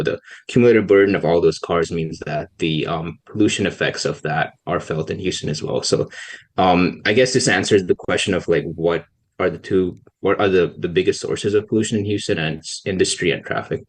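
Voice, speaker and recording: Speaking in a low-pitched voice with a breathy edge, a young Pakistani policy researcher fields questions on an informal podcast. He sounds soft-spoken and unsure, pausing a lot.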